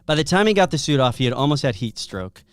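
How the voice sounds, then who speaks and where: A man co-hosting a casual podcast, telling facts as animated stories. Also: mid-range voice, fast talker, clean tone, faint music behind. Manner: animated storyteller, reads out facts. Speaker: podcast co-host.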